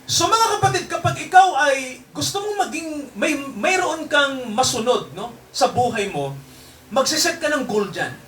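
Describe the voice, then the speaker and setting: High-voiced preacher man, echoey church. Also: lively intonation, moderate pace, pushed and bright, far from the mic, slight background noise. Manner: constant tag questions to the congregation. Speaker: pastor. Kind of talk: Taglish sermon.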